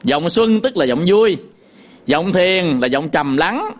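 A man teaching sutra chanting, explaining in quick casual talk and breaking into slow, drawn-out chanted demonstrations. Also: a little high, animated. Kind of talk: chanting lesson with sung demonstrations.

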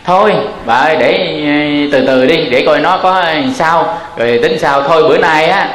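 Man doing a gruff old-fashioned farmer. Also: on the high side, normal speed, fairly bright tone, roomy sound, natural voice, rough recording. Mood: practical. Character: middle-aged male farmer, gruff and practical.

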